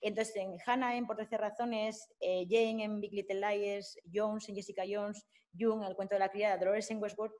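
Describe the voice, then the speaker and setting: Woman lecturing, halting and informal. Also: medium pitch, flat delivery, a little mellow. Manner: informal, many fillers and restarts. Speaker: lecturer at a summer course. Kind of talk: academic talk with slides.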